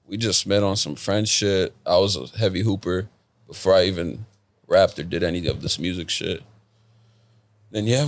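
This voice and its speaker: A young man from Los Angeles, a rapper, recounting in an easygoing, slangy way how he met his partner. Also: fairly low pitch. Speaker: rapper guest. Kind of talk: casual interview chat.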